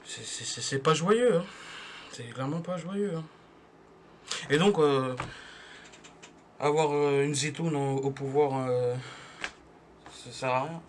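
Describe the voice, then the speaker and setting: A young man delivers a stand-up comedy monologue from home, rambling through a slangy story with plenty of restarts. His voice sits a little higher than most men's. A faint hiss of noise runs under the recording. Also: slow pace, pauses often.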